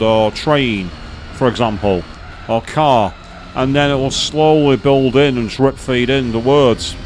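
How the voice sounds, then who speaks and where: A man's voice: medium pitch, slight background noise. A man chatting casually on a live gaming stream, rambling with many fillers and restarts as he explains things to viewers.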